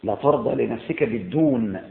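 Emphatic Egyptian preacher, echoey lo-fi recording. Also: male voice, animated, brisk, vocal fry. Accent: Egyptian Arabic. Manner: emphatic, repeating phrases, swinging between loud exhortation and low intensity. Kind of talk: sermon.

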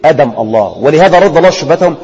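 Fast, high-voiced Egyptian preacher. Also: male voice, expressive, breathy edge. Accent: Egyptian Arabic. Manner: acts out debates, often drops voice low and quiet. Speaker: religious teacher. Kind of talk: religious lesson. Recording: echoey hall, dull lo-fi sound.

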